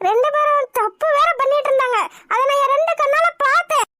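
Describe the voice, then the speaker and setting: A nosy village aunty complains insistently in a cartoon, voiced by a woman. The voice is very high and bright and dry. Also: fast. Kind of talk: cartoon voice acting.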